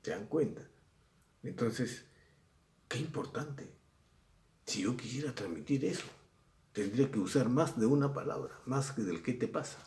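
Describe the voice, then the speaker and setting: A man's voice: medium pitch, lively intonation, a little slow, long pauses, a little mellow, slight background noise. A middle-aged man with a Peruvian accent, a secondary school language teacher giving a recorded lesson in a conversational way, often repeating himself and acting out examples. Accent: Peruvian Spanish. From Peru. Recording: echoey room.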